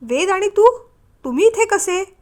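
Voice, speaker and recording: A woman's voice: very high voice, lively intonation, measured pace, a little mellow, pitched above the performer's own voice. A woman voicing a remorseful divorced husband who talks in an eager, pleading way in a storybook reading.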